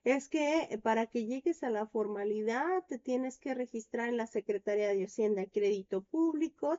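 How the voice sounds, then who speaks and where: A woman's voice: a little high, warm tone, dull audio. A woman giving a university class online, explaining step by step with frequent "eh" fillers and "¿no?" tag questions. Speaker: university lecturer. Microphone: computer or headset mic on a video call.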